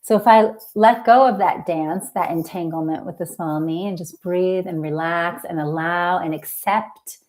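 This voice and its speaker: A woman hosting a live healing talk, speaking gently and reflectively with drawn-out words. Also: on the low side. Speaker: emotional healing coach and host.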